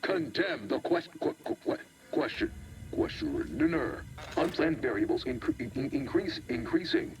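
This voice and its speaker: A man's voice: a little high, huge pitch swings, measured pace, faint music behind, full character voice. An actor voicing a failing male machine that recites slogans while its voice glitches and stutters over syllables. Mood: glitching. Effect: glitching, stuttering voice that skips and repeats syllables.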